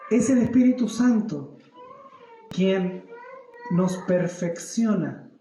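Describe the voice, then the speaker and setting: Taking it slowly with a high-sitting voice, the Chilean pastor in his thirties preaches amid the echoes of a church hall, with a little hiss or hum on the recording. He animates stories of his own experiences, acting out his prayers and quizzing the congregation during the service.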